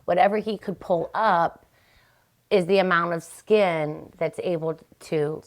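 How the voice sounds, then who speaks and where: A chatty middle-aged woman rambles through a story on her podcast. Her voice sits fairly low with a gravelly fry, and she jumps up in pitch when she gets excited. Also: a little slow. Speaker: podcast host. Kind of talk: casual chat.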